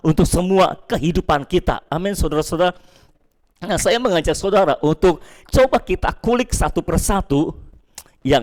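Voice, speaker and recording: A high-pitched man preaches a sermon in a church. He is emphatic, jumps up in pitch and stretches out key phrases, then drops his voice low when he addresses the congregation. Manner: emphatic, with leaps up in pitch and slowed stressed phrases.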